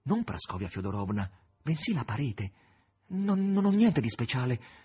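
A man voicing an agitated, eager young male poet, pleading in an excited, husky tone. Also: medium pitch, normal speed, voice pushed up. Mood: urgent.

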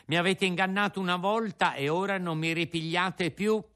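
A man reading aloud, voicing a lively, earnest wooden boy puppet. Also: sits high, moderate pace, voice pushed up.

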